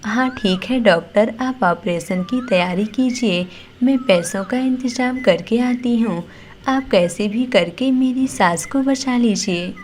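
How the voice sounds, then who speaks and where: A woman voicing a kind, dutiful young daughter-in-law bird in a cartoon story, gentle and earnest. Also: a little high, slow pace. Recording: light background music.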